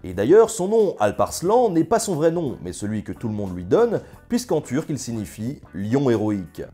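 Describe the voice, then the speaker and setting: A man narrating history with an ironic, joking, colloquial touch. His pitch swings widely while the tone stays mellow and slightly husky. Faint music plays underneath. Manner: ironic, jokey, colloquial storytelling. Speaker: history video presenter. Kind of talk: scripted casual narration.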